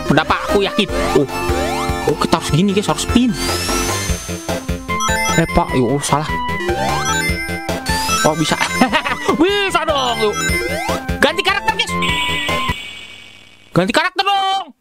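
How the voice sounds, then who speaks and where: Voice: medium pitch, lively intonation, unhurried, pauses often. A gamer giving a let's play commentary on a horror game, jumpy and easily startled, with frequent exclamations and constant address to the viewers. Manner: keeps addressing the audience as "guys" and "Pak". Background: loud game music.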